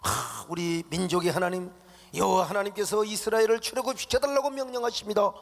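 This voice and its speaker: Gravelly, emphatic male preacher. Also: high-pitched, fairly quick. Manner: emphatic, dramatic preaching with acted quotes. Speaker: pastor. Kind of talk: sermon. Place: church sanctuary. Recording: long church reverb.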